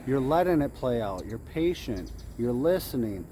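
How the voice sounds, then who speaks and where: A day trader coaching outdoors in the heat delivers a casual, improvised motivational talk, acting out traders' thoughts and repeating phrases to drive points home. His medium-pitched voice is warm and sing-song at a moderate pace. A little hiss or hum runs underneath.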